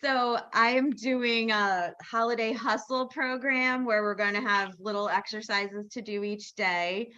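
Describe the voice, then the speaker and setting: A woman giving a playful shout-out to a colleague during a video call. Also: mid-range voice, fairly even intonation, measured pace, hardly any pauses. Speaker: meeting member. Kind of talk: casual video-call chat. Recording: dull lo-fi call audio.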